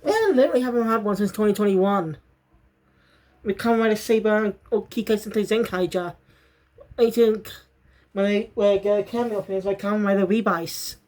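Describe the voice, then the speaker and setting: A woman chats through an episode recap in a loose, unscripted way. She often stops to correct herself mid-sentence. Her voice sits at an ordinary middle pitch. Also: brisk, a little mellow. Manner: rambling, self-correcting, bursts into fits of laughter. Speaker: show reviewer. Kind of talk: casual spoken review.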